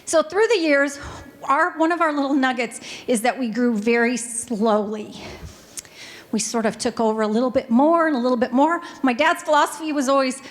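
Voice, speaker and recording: A middle-aged woman with a Pacific Northwest American accent and a high-sitting voice speaks as a panelist, a music store owner, on a business panel. Holding a handheld microphone in a hotel ballroom, she talks quickly and chattily to the live audience, joking with them.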